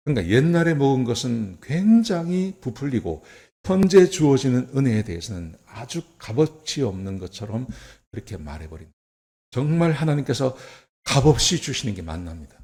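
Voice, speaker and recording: A man preaching a sermon as pastor, talking conversationally with rhetorical questions and swinging from soft to emphatic. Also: medium pitch. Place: church.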